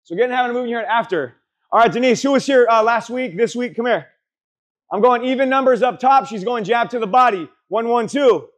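A man's voice: very high-pitched, quick pace. A man coaching a boxing class, blunt, profane and motivational, urging trainees on and quizzing them as he teaches drills. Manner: asks the group questions and answers them. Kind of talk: hands-on drill instruction to a class. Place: boxing gym during a group class.

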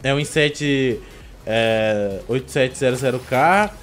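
A man's voice: mid-range voice, slow, fairly bright tone. A young man with a Brazilian accent, chatting casually as he streams a game from a room indoors. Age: young adult. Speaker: gaming streamer. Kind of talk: casual chat while gaming. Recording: music playing behind. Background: music.

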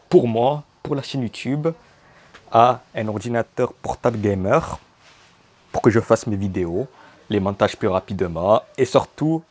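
A man's voice: on the low side, a little mellow, no room sound. A young man casually unboxing a laptop in a vlog, joking and slangy. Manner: joking, slangy, slow and chatty. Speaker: YouTuber.

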